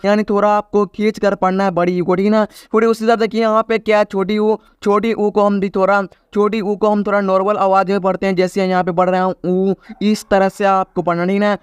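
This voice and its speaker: A man with a high, clear, resonant voice teaches a classroom-style video lesson to viewers he addresses as friends. He repeats himself, often asking "okay?" and "ठीक है ना?", and stretches vowels to demonstrate them. The sound is clean studio audio with no room echo.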